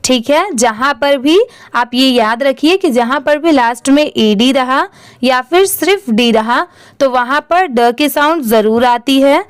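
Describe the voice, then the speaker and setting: A woman with a high, smooth voice teaches English reading, spelling every word out letter by letter and then saying it carefully. Her delivery is very slow. The sound is dry and close. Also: no echo. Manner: spells words letter by letter in Hindi, then says them slowly. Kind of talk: spelling out and reading English words slowly for learners.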